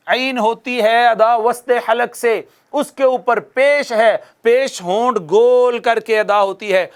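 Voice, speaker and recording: A man teaching Quran recitation rules on television, explaining patiently, quizzing viewers and reciting words slowly for them to repeat. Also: high-pitched, smooth. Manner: asks the audience questions and answers them himself. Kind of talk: televised tajweed lesson.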